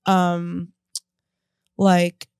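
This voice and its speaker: Speaking extremely slowly in a lowish, darkish, clean voice with a completely flat delivery, this comedian guest in her thirties, raised in Japan, rambles through stories, interrupting herself and laughing often. It's a casual conversation on an in-studio podcast, captured with clean studio sound and no room reverb.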